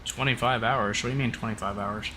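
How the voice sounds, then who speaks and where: Fairly low in pitch and quick in pace, a southern US man from Oklahoma keeps things casual and teasing while live-streaming a flight simulator. His game-stream voice chat has steady background noise.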